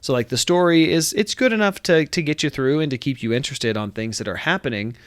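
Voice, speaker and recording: A man's voice: a little high, expressive, quick pace. A young man talks casually about a game he has been playing. His nose is stuffy and congested, and he rambles through frequent fillers and restarts. He sits in a dry, close room with almost no echo. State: congested from allergies. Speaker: gaming video host. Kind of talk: casual talk to camera. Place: friend's apartment room.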